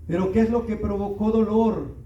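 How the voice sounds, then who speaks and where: A man's voice: high voice, normal speed, echoey room, recorded from a distance, dull audio. A man preaching a sermon in a church, reading scripture and asking rhetorical questions with rising emphasis.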